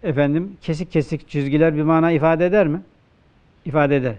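A man with a Turkish accent, a religious teacher giving a classroom grammar lecture, who poses questions and answers them himself, and slows down to quote texts. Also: on the high side, steady tone, darkish tone, muffled recording. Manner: asks questions and answers them himself, slow emphatic quoting.

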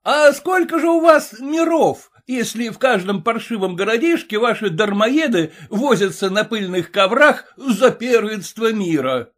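Man putting on a high jeering heckler. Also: very animated, measured pace, exaggerated voice. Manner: mocking, shouting, sarcastic. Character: jeering male circus spectator, sarcastic heckler. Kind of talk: audiobook reading.

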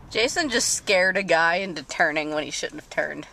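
A young woman talks casually into a handheld camera, giggling and teasing. Her voice swings widely up and down. The audio has steady background noise. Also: on the low side, normal speed, gravelly. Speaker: vlogger. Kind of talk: casual chat.

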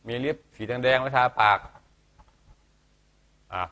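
A man's voice: medium pitch, takes it slowly, bright, forceful tone. A male teacher giving a health lesson to students, chatty and joking, often asking the class questions.

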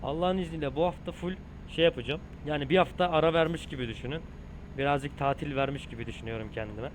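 A young man talks to his viewers while he plays a driving game. His voice sits a little high, and he swears and jokes as he goes. Faint engine hum runs underneath. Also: fast talker. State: tired and hot. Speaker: gaming streamer. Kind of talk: casual gameplay commentary.

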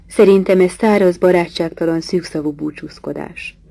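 Woman reading as a gruff teasing gentleman. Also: lowish voice, no echo. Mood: wistful. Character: brusque teasing wealthy middle-aged English gentleman. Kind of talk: audiobook dialogue reading.

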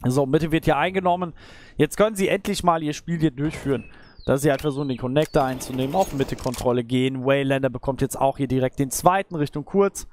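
A man's voice: medium pitch, fast, darkish tone, a little hiss or hum. A man commentating live on a shooter match as an esports caster, in speech. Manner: esports caster delivery, analytical, exclaiming at big plays. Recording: game gunfire and clicks behind voice. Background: video game gunshots.

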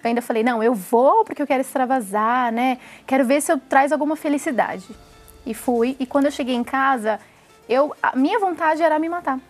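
Brazilian woman, young adult, high voice, earnest emotional testimony, interview setting. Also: fairly quick, soft background music. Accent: Brazilian Portuguese. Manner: earnest and emotional, tag questions. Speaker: former samba dancer giving testimony.

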